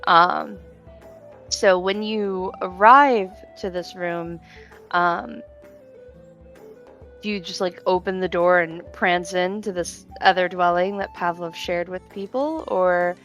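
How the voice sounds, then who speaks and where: A woman's voice: lowish voice, fairly even intonation, slow, fairly bright tone, highs cut off, faint music behind. A woman narrating a tabletop role-playing game as game master, rambling with many fillers.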